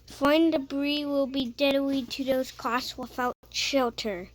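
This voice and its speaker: An amateur announcer with a high voice pretends to deliver a TV weather emergency broadcast, keeping a steady tone while halting, stumbling, and correcting himself.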